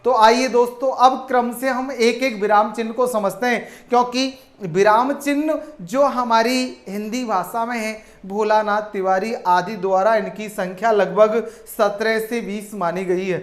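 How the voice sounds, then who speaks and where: A man's voice: high-pitched, steady tone, a little slow. A man teaching a grammar lesson to online viewers, often asking a question and answering it himself. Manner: addresses viewers as friends, asks and answers own questions. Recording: echoey room.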